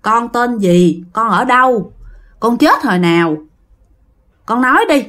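A woman voicing a calm, gentle old male exorcist who questions softly and patiently. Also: a little high, measured pace.

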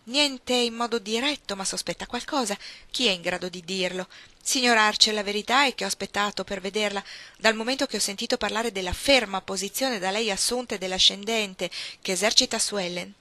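A woman's voice: medium pitch, fairly quick, sharp tone, dry recording, close to an everyday voice. A woman reading the part of a theatrical, effusive older aristocratic aunt in an audiobook, with grand dramatic emphasis. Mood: pleading.

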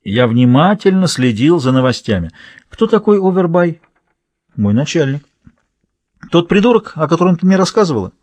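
A man voicing a charming, teasing man in an audiobook, reading his lines in a lively, bantering way with a higher lift. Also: normal speed, long pauses, no echo.

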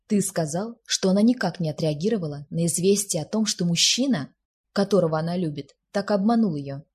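A sharp-witted young man, teasing and easily exasperated, as a woman reads him. His lines come low and heavily breathy in a storybook reading. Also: expressive, fairly quick. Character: amused, mocking young man, sharp friend.

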